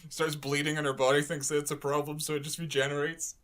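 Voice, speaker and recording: A man's voice: fairly high pitch, flat delivery, quick pace, a bit bright. A man co-hosting a podcast in crude, mocking banter, laughing constantly between lines. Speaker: podcast co-host.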